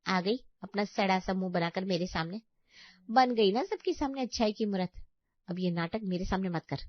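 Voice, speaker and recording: Voicing a cartoon's scheming, spiteful young sister-in-law, a female voice actor speaks at normal speed in a natural, expressive, medium-pitched voice. She sounds scornful, whiny and accusing, and the recording is dry and a little dull.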